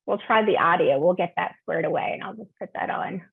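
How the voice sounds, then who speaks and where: Woman, webinar presenter, audio breaking up and garbled, tinny call line, creaky, husky. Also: fairly low pitch, dry recording. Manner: chatty, halting with fillers. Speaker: software presenter. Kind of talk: webinar software demo.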